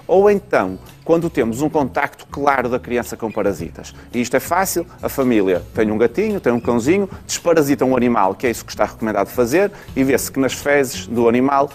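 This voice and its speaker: Calm Portuguese pediatrician explaining. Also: male voice, mid-range voice, brisk, few pauses, faint music behind. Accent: European Portuguese. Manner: calm, explanatory, with frequent fillers. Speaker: pediatrician guest. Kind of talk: explanatory talk-show chat.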